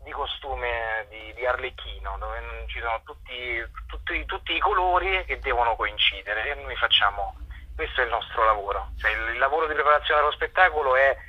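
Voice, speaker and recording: Guesting in an informal interview, an actor-director with a medium-pitched, breathy-edged voice explains himself in a halting, expressive way, leaning on homely examples. The recording's highs are cut off.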